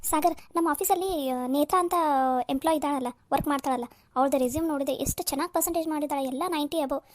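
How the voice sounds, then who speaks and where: Woman playing a lively cartoon daughter, high and fast. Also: no room sound, lightly acted. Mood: explaining. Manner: chatty, insistent.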